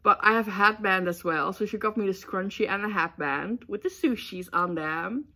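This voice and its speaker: A young woman from the Netherlands telling a casual storytime, excitable and giggly with lots of ums. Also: medium pitch, normal speed. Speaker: booktube vlogger.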